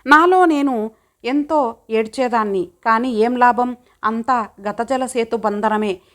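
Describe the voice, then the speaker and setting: A woman with a notably high voice reads a magazine story aloud in first person. Her delivery is steady and dramatic, like a practised audiobook reader. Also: takes it slowly. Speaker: audiobook narrator.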